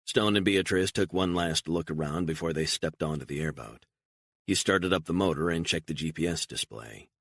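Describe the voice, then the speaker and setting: A man narrating a thriller audiobook in an even, measured way. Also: sits low, dry recording, clean studio sound. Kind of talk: scripted narration.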